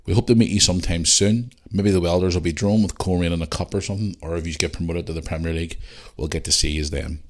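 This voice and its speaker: A man with a Northern Irish accent hosts a podcast, chatting casually as he reads out and answers listener messages. His voice is low and fairly even in intonation, and he talks fast with hardly any pauses.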